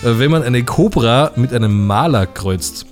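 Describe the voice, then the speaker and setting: A man's voice: mid-range voice, animated, a little slow, faint music behind. A man co-hosting a radio comedy show, playing the dry, teasing straight man. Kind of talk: absurd comedic banter.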